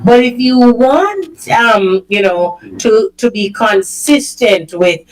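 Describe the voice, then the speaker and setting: A woman, hosting a casual chat show, slow and animated with frequent laughter. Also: fairly high pitch, faint music behind, low-quality recording. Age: 20s. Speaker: host.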